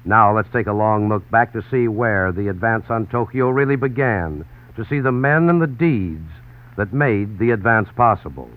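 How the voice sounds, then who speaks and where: A man's voice: fairly low pitch, animated, normal speed. A man narrating as a radio correspondent in emphatic 1940s newsreel style. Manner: dramatic, emphatic announcer delivery. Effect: old newsreel broadcast sound. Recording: tinny old radio broadcast with faint hiss.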